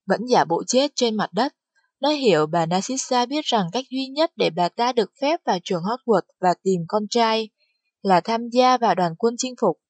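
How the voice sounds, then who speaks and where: A woman narrating an audiobook with steady storytelling delivery. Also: a little high, moderate pace, slightly rough, dry recording. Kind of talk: scripted narration.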